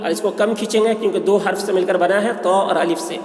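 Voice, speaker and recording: A man's voice: high-pitched, steady tone, darkish tone. A man teaching the pronunciation of letters, stretching out each letter in a sung tone between plain explanations. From India. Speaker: Quran reading teacher. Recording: echoey, reverberant room.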